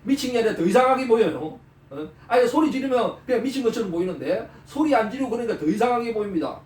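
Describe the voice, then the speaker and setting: A male pastor preaching a sermon, animated, throwing out rhetorical questions and prompting the listeners. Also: extremely high pitch, fast. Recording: roomy, from far off the mic.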